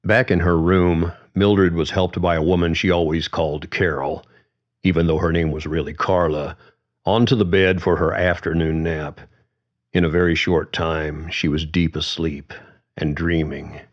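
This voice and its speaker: A man narrating a story in a calm, measured reading. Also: low voice. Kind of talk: audiobook narration. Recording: dull lo-fi recording.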